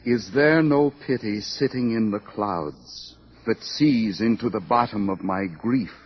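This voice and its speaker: Idealistic young savage: fervent, theatrical, husky delivery, dull lo-fi vintage radio play sound. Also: male voice, fairly low pitch, a little slow. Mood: fervent, lovestruck. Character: earnest, tormented young man, an idealistic outsider called the savage. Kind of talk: old-time radio drama acting. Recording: dull, lo-fi old radio recording.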